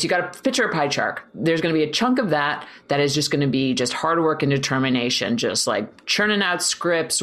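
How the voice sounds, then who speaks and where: Host casting: encouraging interviewer, mid-pitched, upbeat and chatty. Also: a bit bright. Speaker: podcast host. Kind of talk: conversational interview.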